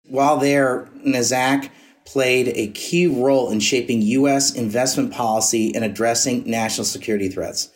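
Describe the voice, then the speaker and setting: A man's voice: mid-range voice, moderate pace. A man hosting an interview podcast, giving admiring introductions to his guest. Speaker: podcast host.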